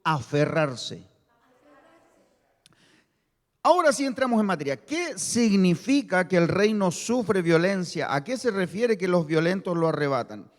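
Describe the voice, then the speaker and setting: Pastor guy, high voice, preaching and getting the church to repeat words, lots of hall reverb. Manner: teaching, leads congregation in call-and-repeat; explains word meanings slowly, stresses key words. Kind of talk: sermon.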